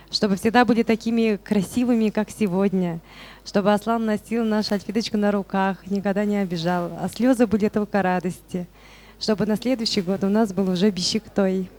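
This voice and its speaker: A woman's voice: mid-range voice, fairly even intonation, fairly quick, a little mellow. A woman with a mid-range voice gives a congratulatory speech as a wedding guest. She addresses the room in the form of a toast.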